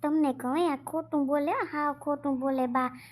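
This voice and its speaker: A quarrelsome older village mother, played by a woman, scolds her grown children in a thick Kathiawadi Gujarati accent. Her voice sits high, and she complains and repeats her points in a family comedy skit. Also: fairly even intonation, normal speed, natural voice. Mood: complaining.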